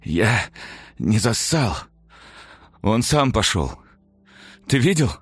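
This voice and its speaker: A man's voice: on the low side, big pitch swings, slow pace, no echo, pitched above the performer's own voice, heavily acted. A man voicing a grating wounded soldier commander. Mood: pleading defensive. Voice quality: creaky, grating voice. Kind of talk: audiobook dialogue.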